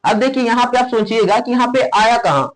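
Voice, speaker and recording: A man teaching grammar in a classroom-style explanation, posing questions and answering them himself and slowly drawing out sounds to show how they are said. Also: very high voice, rough recording. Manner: asks rhetorical questions and answers them himself, repeats "ठीक है"; stretches sounds out slowly when demonstrating pronunciation.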